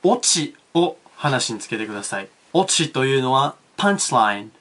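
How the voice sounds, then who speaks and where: A man's voice: mid-range voice, sing-song, normal speed, fairly bright tone. A man with an Osaka accent teaching a language lesson. He explains in Japanese, then says it again in English, and acts out dialect phrases by repeating them.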